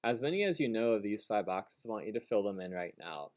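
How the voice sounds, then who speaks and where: A man teaching a math class, joking with students and then giving brisk, directive instructions. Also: fairly low pitch, big pitch swings, a little mellow, slight background noise.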